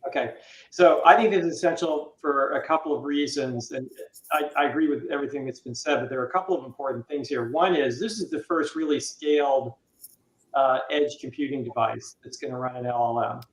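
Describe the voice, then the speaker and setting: Um homem que participa de um painel por chamada remota, com a voz ecoando, oca, como se estivesse dentro de um tubo, e expõe seus argumentos ponto a ponto. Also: male voice, medium pitch, brisk. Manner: lays out points one by one. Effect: hollow echo, as if from inside a tube. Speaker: panel guest. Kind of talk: casual panel discussion. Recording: roomy echoing remote line.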